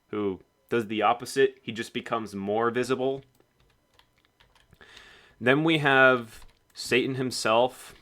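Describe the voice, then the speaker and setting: A man's voice: mid-range voice, fairly bright tone. A man casually narrating a game devlog in a rambling, offhand way. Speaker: game developer.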